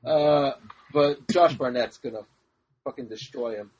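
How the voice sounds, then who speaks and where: A man's voice: mid-range voice, a little slow, a little mellow, slightly rough, muffled recording. A man on a podcast panel giving blunt, profane fight predictions in casual chat.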